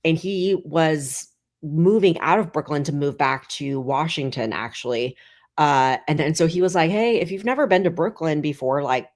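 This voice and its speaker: Casual guest: thirties woman, deep for a woman, meandering chat full of fillers. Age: 30s. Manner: rambling, heavy filler "like". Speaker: guest comedian.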